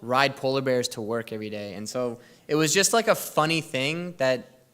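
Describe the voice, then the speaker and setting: At normal speed and medium pitch, a young youth group presenter with a smooth, slightly bright voice describes a trip to a church youth audience in the church hall. His casual telling wanders and breaks off midway through sentences, packed with fillers.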